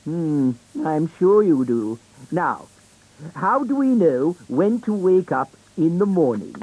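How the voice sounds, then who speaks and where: A man's voice: a little high, very animated, takes it slowly, darkish tone, slightly rough, heavily acted, low-quality recording. A man voicing a pompous, stuffy old elf teacher in a children's cartoon, pedantic, with a British accent. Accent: British English. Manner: pompous, pedantic, hesitant hums.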